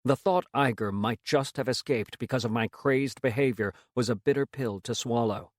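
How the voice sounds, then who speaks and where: A man reading a first-person science fiction story as an audiobook narrator in a measured, steady way. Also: medium pitch, dry recording, clean studio sound.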